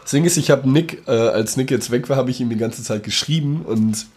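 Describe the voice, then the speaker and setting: A man's voice: mid-range voice, brisk, darkish tone, breathy edge. A young man co-hosting a podcast, making dry, sarcastic jokes in casual banter. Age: young adult. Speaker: podcast co-host.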